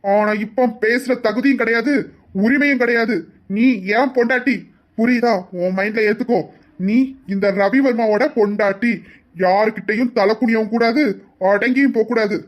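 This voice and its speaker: A performer playing a young husband in an audio drama, hard and stern, laying down firm warnings to defend his wife. Mid-pitched and steady. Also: normal speed, lo-fi sound, close to an everyday voice. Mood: angry. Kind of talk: amateur Tamil audio drama.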